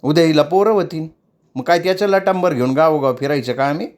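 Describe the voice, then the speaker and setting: A man's voice: on the high side, quick pace, a little mellow, pitched above the performer's own voice, close to an everyday voice. A man voicing an older mother who runs a tamasha troupe, scolding bluntly in rural dialect.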